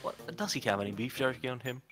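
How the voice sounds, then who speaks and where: A man's voice: mid-range voice, fairly even intonation, fast talker, fairly bright tone, faint music behind. A man playing a tabletop game, casually narrating his character's actions and chatting with the group. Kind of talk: casual role-play narration with table talk.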